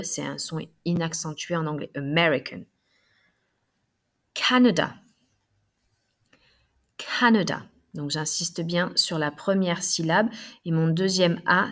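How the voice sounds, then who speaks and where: A woman teaching English vocabulary, modelling each word clearly for students to repeat. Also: deep voice. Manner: slow, deliberate, exaggerated stress on modelled words. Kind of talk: pronunciation lesson, modelling words for repetition.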